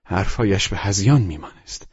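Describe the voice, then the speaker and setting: Low husky male audiobook narrator. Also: lively intonation, darkish tone, no room sound. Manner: measured, dramatic first-person storytelling. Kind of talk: scripted literary narration. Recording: muffled lo-fi recording.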